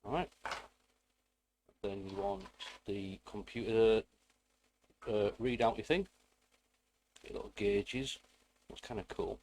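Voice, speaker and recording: A man's voice: fairly low pitch, slow pace, pauses often, darkish tone, slight background noise, rough recording. A British man giving a casual hands-on build tutorial in a rambling, self-deprecating way with playful asides. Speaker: hobbyist presenter.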